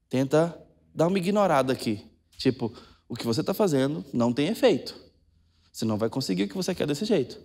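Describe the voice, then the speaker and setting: A man with a Brazilian Portuguese accent preaching a sermon, talking conversationally, dropping to soft asides and then rising with emphasis. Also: a little high. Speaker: pastor. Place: church sanctuary.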